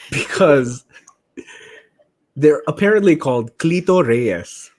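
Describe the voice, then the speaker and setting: A man's voice: a little high, expressive, takes it slowly. A man with a Filipino English accent co-hosting a casual comedy podcast and telling jokey stories. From Philippines. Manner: jokey storyteller, laughs often. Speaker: podcast co-host.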